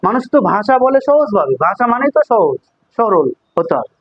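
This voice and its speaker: A man with a notably high voice runs an English grammar class. He drills example sentences back and forth between two languages and keeps checking whether the students follow. The recording is dry and slightly muffled. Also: sing-song, a little fast, slightly rough, no room sound. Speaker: English teacher.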